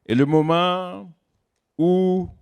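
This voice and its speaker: Man preaching a sermon, swings from loud stresses to hushed asides, slows on key words. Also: high-pitched, steady tone, creaky, clean tone. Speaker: guest pastor.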